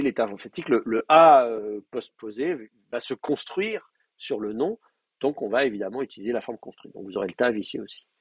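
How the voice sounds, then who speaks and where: A man lecturing a class, explaining grammar step by step and slowly repeating word forms, with many hesitations. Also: mid-range voice, slightly rough, no echo. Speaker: teacher. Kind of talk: university lecture.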